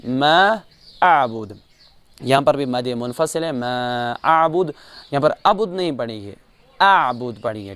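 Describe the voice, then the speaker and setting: A man with a Kashmiri accent teaching Quran recitation rules, explaining calmly and chanting each verse slowly, repeating sounds to correct mistakes. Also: medium pitch, clear, resonant tone, dry recording. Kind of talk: tajweed lesson with chanted examples.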